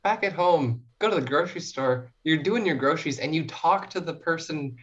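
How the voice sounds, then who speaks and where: A young woman from small-town New Brunswick, Canada, is a guest on a podcast, a student writer chatting casually in a playful, self-deprecating interview. Her low-pitched voice has lively intonation and a moderate pace. The lo-fi podcast audio sounds dull.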